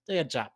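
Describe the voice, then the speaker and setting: A man co-hosting a podcast, telling a story in lively casual chat and laughing often. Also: high-pitched, slight background noise. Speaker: podcast co-host.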